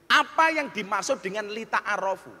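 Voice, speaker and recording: A man preaching to a university audience, lively and joking, swinging from loud emphasis to quiet asides and calling listeners Pak and Bu. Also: high voice, normal speed, big-room sound. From Indonesia. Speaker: Islamic preacher. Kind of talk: public lecture with jokes. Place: large auditorium.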